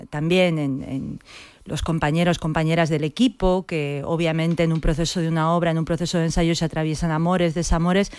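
Brief: woman playwright in a studio interview, smooth clear voice, dry sound, reflective and hesitant. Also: low-pitched, darkish tone, no room sound. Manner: thoughtful, hesitant, restarts phrases. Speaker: playwright guest. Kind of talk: radio interview.

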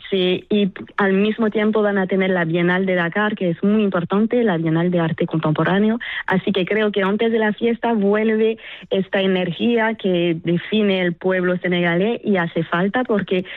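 A woman's voice: mid-range voice, steady tone, moderate pace, no room sound. A woman in her forties from France, a festival producer, talking reflectively as a radio interview guest. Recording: tinny phone-like radio line.

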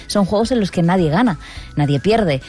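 A woman's voice: lowish voice, lively intonation, normal speed, darkish tone. A woman co-hosting a radio show, chatting with enthusiasm. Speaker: radio co-host. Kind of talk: studio radio chat.

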